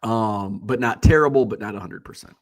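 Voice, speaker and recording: Speaking fairly quickly with a fairly low pitch, a congested livestream host chats on his own. His talk is casual, rambling and blunt, and he swears a lot.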